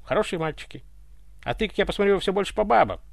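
A man's voice: high voice, expressive, fast talker, gravelly, no room sound, studio quality, pitched above the performer's own voice, heavily acted. A man voicing a grumbling, haughty tsar. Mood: grumbling scornful. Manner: grumbling, dismissive. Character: bored, haughty male tsar, grumbling and dry. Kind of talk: audiobook character voice.

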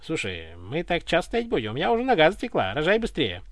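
A man's voice: on the high side, huge pitch swings, fairly quick, a bit bright, no room sound, studio quality, heavily acted. A man doing cheeky joker Ivan. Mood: bantering. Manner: cheeky, joking, folksy. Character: cheeky brash young man, joking commoner Ivan.

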